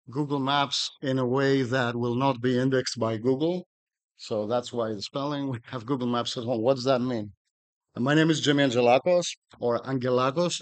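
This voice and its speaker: A middle-aged man from Greece, giving a technical conference talk at a podium with dry humor and frequent fillers. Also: mid-range voice. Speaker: conference speaker.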